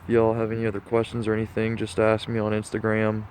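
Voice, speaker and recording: Quick and monotone, this man's fairly low, darkish voice sounds stuffed up, with slight background noise. He's a diecast model vlogger giving a laid-back, rambling walkthrough packed with fillers.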